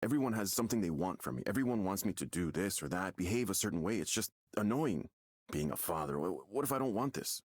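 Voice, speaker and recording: In a visual novel, an actor voices a nervous, defensive father-to-be who stammers and hesitates, sounding uneasy. His voice is low-pitched with lively intonation and a fast pace. The studio-quality recording has no echo, with music playing behind him.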